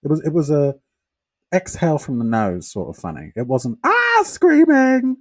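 A man's voice: medium pitch, sing-song, brisk, dark tone, husky, dry recording. A young man, co-hosting a podcast in sassy, opinionated chat. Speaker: podcast co-host. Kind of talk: casual chat.

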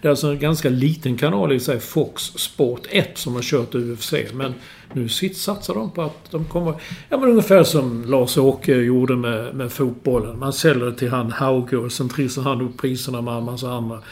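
A man's voice: mid-range voice, few pauses, darkish tone, slight background noise. A man in casual sports chat, explaining business details with enthusiasm and the odd swear. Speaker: podcast co-host.

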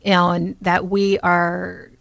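A woman co-hosting a podcast, talking in a thoughtful, halting casual way. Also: fairly low pitch, flat delivery, vocal fry, a bit bright, no echo. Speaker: podcast co-host. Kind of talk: casual chat.

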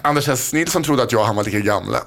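A man's voice: medium pitch, lively intonation, fairly bright tone. A man in his thirties co-hosting a podcast, chatting casually with a joking, rambling, self-mocking manner. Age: 30s. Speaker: podcast co-host.

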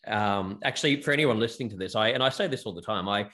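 Lower-voiced man, hesitant and rambling. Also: fast talker, pushed and bright. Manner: rambling, hesitant, many restarts. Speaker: podcast host and actor. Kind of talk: casual interview.

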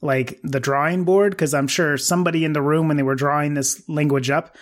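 A man hosting a podcast in casual chat, animated and acting out imagined quotes. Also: fairly high pitch, brisk. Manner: animated, acts out quoted voices.

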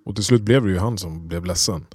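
A man's voice: sits low, slightly rough, no room sound, clean studio sound. A young man on a podcast, chatting casually about parenting and acting out little scenes with his kids. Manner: animated storyteller, acts out quotes of his kids. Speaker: podcast co-host. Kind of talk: casual chat.

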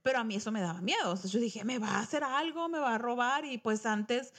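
A young woman with a Mexican Spanish accent, co-hosting a podcast and telling a childhood story in a casual, animated way. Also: a little high, brisk. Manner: animated, acts out quoted voices. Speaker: podcast co-host.

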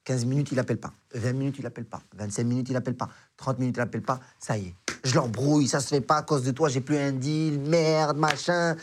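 A young man from Morocco, a comedian guest, telling a story in a casual, animated way and acting out the dialogue. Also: medium pitch, quick pace, few pauses, a little hiss or hum.

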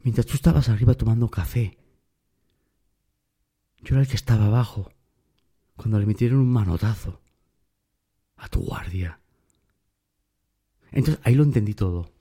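Man, warm low-toned voice, a bit raspy, emphatic, talks straight to the listener. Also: moderate pace, long pauses. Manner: emphatic, addresses the listener directly. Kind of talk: casual storytelling monologue.

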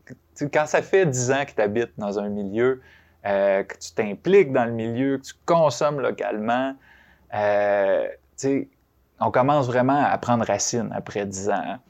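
A male host with a Quebec French accent leads a relaxed community conversation. He talks in a friendly way, asking open questions at a mid pitch. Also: a little slow. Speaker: radio host. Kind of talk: hosting a community talk show.

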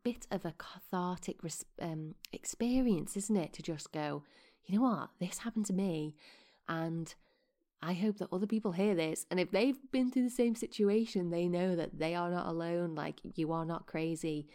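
A woman's voice: fairly low pitch, normal speed, warm tone. A woman hosting her podcast, chatting casually with whispered asides while her voice keeps cracking. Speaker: podcast host.

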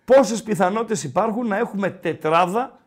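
High-voiced man in jokey sports banter. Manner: joking, animated banter. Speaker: podcast host. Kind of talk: casual sports chat.

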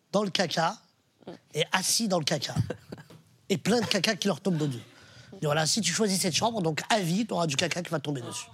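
Husky-voiced man telling jokes. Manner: animated storyteller, big pitch jumps on punchlines. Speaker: guest comedian. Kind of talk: joke telling and casual chat.

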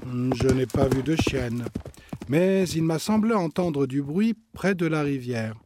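A man's voice: mid-range voice, expressive, takes it slowly, a little mellow, a little hiss or hum. A man voicing a friendly, polite horse breeder who sounds proud.

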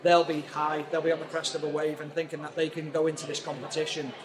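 A man's voice: on the high side, level tone, quick pace. Hesitant man over crowd chatter. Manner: hesitant, restarts his sentences. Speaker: pundit guest. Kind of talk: casual sports chat.

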